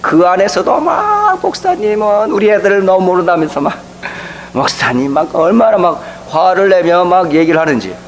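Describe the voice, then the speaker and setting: High-voiced Korean pastor telling a story. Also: male voice, sing-song, normal speed, a little hiss or hum, rough recording. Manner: storytelling preacher, acts out the people he quotes. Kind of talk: sermon. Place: church sanctuary.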